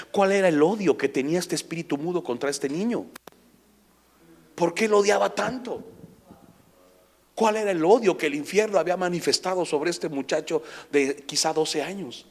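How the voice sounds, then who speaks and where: A man with a Mexican Spanish accent preaching a sermon as pastor, impassioned and full of rhetorical questions. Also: mid-range voice. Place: church sanctuary. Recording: long church hall reverb.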